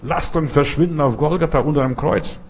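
A man's voice: a little high, brisk, breathy edge. An older man preaching a Pentecostal sermon, emphatic, repeating phrases and often asking his listeners whether they understand.

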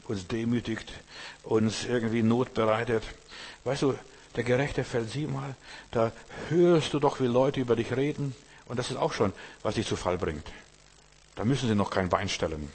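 A man's voice: mid-range voice, a little mellow, slightly rough. A man preaching a sermon, speaking pastorally and directly to the listener with rhetorical questions. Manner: acts out quoted voices of troubled believers.

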